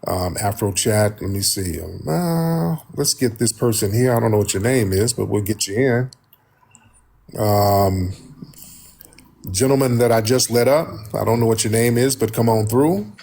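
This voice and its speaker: A man's voice: lowish voice, a little slow, vocal fry, warm tone. An American man hosting a casual live talk, speaking in a blunt, colloquial way. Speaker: host.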